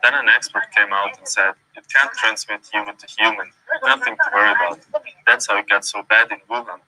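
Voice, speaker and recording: Man with a distorted, disguised low voice. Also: sing-song, brisk, gravelly, a crowd in the background. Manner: speaks in short, firm, accusing statements. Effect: voice distorted to disguise identity. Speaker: interviewee.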